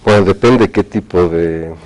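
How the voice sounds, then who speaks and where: Very deep-voiced male therapist, measured. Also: darkish tone, low-quality recording. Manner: measured, clinical, uses technical terms. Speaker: hypnotherapist guest. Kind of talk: explanatory studio talk.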